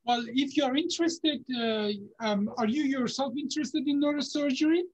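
A man, a neurosurgeon giving unhurried, halting career advice over a video call from a home office. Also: very high voice. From Iran. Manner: unhurried, halting, with many fillers and restarts. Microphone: video call webcam. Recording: dull, lo-fi video call audio.

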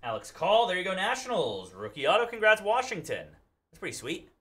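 A man's voice: sits high, huge pitch swings, brisk, fairly bright tone. A man in his thirties hosting a live card break in a studio, reading out cards and thanking buyers by name.

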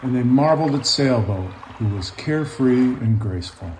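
In a children's read-aloud and drawing tutorial, an author-illustrator in his fifties speaks at a normal speed with a medium-pitched, animated voice. He keeps his wording casual and simple and adds encouraging remarks for the kids watching, over some background noise.

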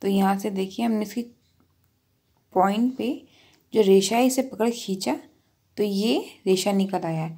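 A woman's voice: mid-range voice, a little slow, pauses often, mellow, slightly rough. A woman hosting a cooking channel, patiently talking through each step of a recipe in a voice-over with practical tips.

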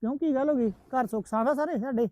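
A man's voice: very high voice, fast, warm tone, no room sound. A man chatting in an easygoing, plain-spoken way in a family vlog drama. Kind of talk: casual Punjabi family vlog acting. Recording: slightly dull, lo-fi sound.

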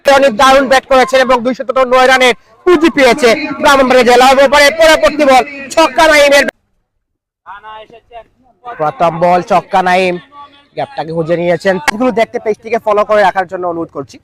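Frantic high-pitched Bangladeshi male cricket commentator. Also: a little fast, poor audio. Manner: frantic, excited play-by-play calling. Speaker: cricket commentator and match announcer. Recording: loud crowd noise behind. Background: crowd at an outdoor cricket ground.

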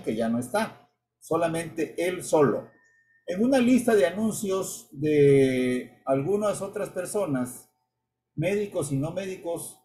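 A man giving a narrated slideshow lecture, measured and explanatory, with pauses and restarts. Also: fairly high pitch, a little mellow. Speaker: history author and lecturer. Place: indoor room, webcam inset.

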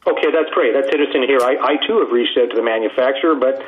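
Guy calling in on speakerphone, muffled phone sound, polite and halting, mid-pitched voice. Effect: heard over a speakerphone line. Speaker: reporter calling into a press conference. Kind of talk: press conference question. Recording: muffled phone line from home office.

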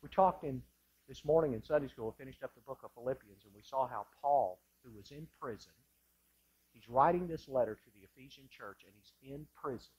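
A male pastor delivering an impassioned sermon in a church sanctuary, moving between loud bursts and hushed lines. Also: mid-range voice, brisk, husky, dull audio.

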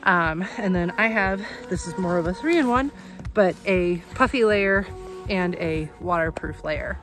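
A woman's voice: fairly low pitch, measured pace, a bit bright. A young woman giving practical, friendly advice on a snowy outdoor trail. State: a little out of breath from hiking. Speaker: outdoor vlogger. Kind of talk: casual outdoor explainer. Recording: music playing underneath.

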